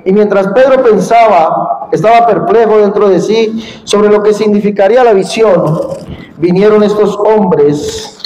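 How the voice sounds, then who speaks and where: A man preaching a fiery sermon, quizzing the congregation and rising to shouts. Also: high voice, unhurried. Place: large church hall at a congress. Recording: echoey hall with long reverb.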